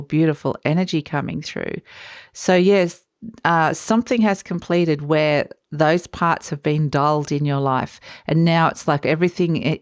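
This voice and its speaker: A woman giving a tarot reading in a dreamy, searching way, pausing on fillers as she hunts for words. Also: deep voice, dry recording, studio quality. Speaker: tarot reader.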